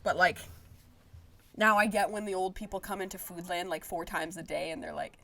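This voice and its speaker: A woman's voice: on the low side, level tone, fairly quick, creaky, pushed and bright. Chatty woman in her twenties, outdoors. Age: 20s. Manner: chatty, imitates people in her stories. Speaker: podcast co-host. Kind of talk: casual chat. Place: outdoors at a cookout.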